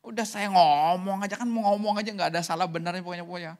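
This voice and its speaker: A male pastor preaching a sermon at a church service, emphatic, swinging from loud to very soft, and often addressing the congregation directly. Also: sits high, quick pace.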